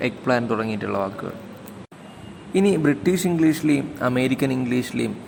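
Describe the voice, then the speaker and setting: Gravelly-voiced male lecturer in a reverberant room. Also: medium pitch. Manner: methodical, spelling words out letter by letter. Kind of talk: explanatory lecture. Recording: long reverb, faint background noise.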